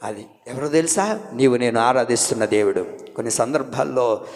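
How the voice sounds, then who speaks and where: A man preaching a sermon as pastor, swinging between loud outbursts and quiet asides and asking the congregation questions. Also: medium pitch, expressive, moderate pace. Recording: long hall reverb.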